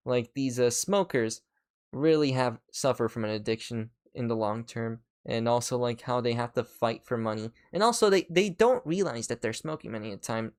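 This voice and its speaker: A male streamer reacting to videos in loose, excitable chat. He swears freely and trips over himself, restarting sentences as he rambles at a mid pitch. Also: normal speed, clear, resonant tone.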